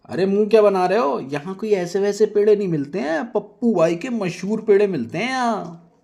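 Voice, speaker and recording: A man voicing a loud, rude and boastful woman who scolds and taunts everyone in a storybook tale. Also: high-pitched, animated, normal speed, vocal fry, voice pushed up. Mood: scolding.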